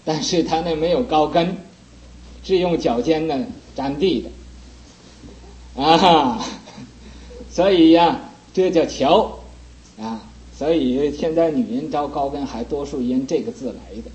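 Slow-speaking man giving a Buddhist sermon. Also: mid-range voice, dark tone, highs cut off. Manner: earnest, teasing scolding of listeners. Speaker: Buddhist teacher. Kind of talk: sutra lecture sermon.

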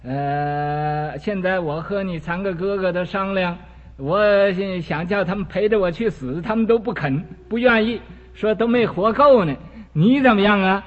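A man voicing a lonely, dying old father who pleads with his sons in a coaxing, drawn-out way, heard on a dull lo-fi recording in a reverberant hall. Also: high-pitched. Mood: pleading.

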